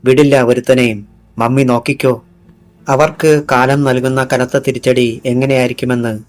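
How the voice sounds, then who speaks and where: A man's voice: medium pitch, level tone, normal speed, lightly acted. A man voicing a fierce young policewoman who swears revenge, speaking with intense resolve in an audiobook. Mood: vengeful. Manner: intense vowing speech.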